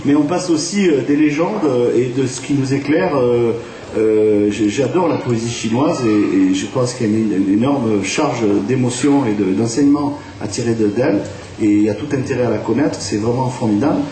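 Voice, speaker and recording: Heard from a distance in an echoey room with faint hiss, a man from France speaks warmly at medium pitch and moderate pace. A theatre director and native French speaker, he is being interviewed on radio and frequently restarts and uses fillers.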